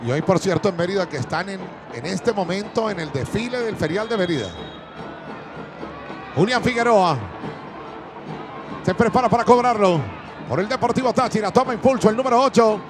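High-voiced play-by-play caller. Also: male voice. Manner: builds to long drawn-out goal shouts. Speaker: play-by-play commentator. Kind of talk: football penalty commentary. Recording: broadcast with crowd and music behind.

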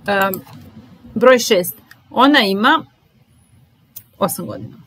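Slow, careful woman teaching. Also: mid-range voice, expressive, a bit bright, poor audio. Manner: slow, careful, repeats each phrase. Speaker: German teacher. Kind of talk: language lesson, explaining in Serbian.

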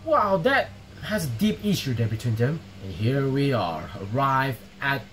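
A woman's voice: extremely low pitch, big pitch swings, measured pace, slight background noise. A young woman casually commenting on a game, chatty and playful, echoing lines back. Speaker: gaming streamer. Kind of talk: casual let's-play commentary.

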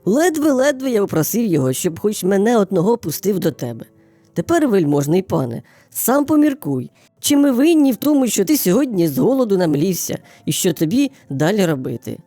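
A woman voicing a small, clever male hare in a children's fairy tale, flattering and bowing in a sing-song way. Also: medium pitch, brisk, no room sound, soft background music. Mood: pleading. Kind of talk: storybook character voice.

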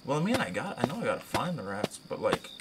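A man's voice: mid-range voice, big pitch swings, fast talker, a loud crowd. A man giving casual, reactive horror game commentary as a streamer, spooked and exasperated, grumbling and swearing. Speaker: game streamer doing a playthrough.

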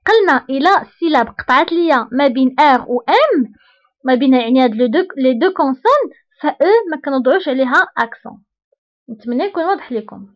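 A woman with a Moroccan accent teaching a lesson, patiently repeating each example word and checking that learners follow. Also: high voice. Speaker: French teacher. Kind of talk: online lesson explanation.

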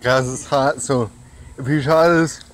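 A man's voice: mid-range voice, steady tone, unhurried. A young man chatting casually to his vlog viewers outdoors, his mouth burning from spicy food. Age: young adult. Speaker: vlog host. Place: outdoors beside a house. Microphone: phone at arm's length. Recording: outdoor phone recording with background noise.

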